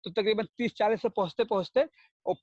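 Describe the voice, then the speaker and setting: A man's voice: high-pitched, brisk, a little mellow, dry recording, lo-fi sound. A man giving a motivational talk at a network marketing meeting, telling stories and firing rhetorical questions at the audience. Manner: storytelling, rhetorical questions, acts out dialogues.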